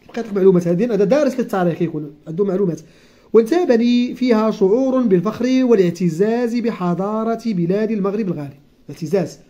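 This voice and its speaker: A teacher with a Moroccan accent explaining a textbook lesson, repeating key words and reading textbook lines slowly. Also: mid-range voice, warm tone, lo-fi sound. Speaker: primary school teacher.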